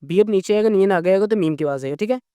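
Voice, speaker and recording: A man's voice: sits high, very fast, mellow, clean tone, no room sound, clean studio sound. A man teaching a grammar lesson, explaining patiently and checking in with "okay?" after nearly every point. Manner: patient, repeats "okay?" often. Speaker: language teacher.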